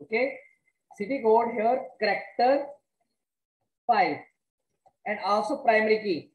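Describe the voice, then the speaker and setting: Slow-talking North Indian woman teaching. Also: a little high, dull audio. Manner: halting, repeats words and questions students. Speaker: computer science teacher. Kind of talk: online lesson, explaining step by step. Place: indoors, online class with screen share. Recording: echoey room.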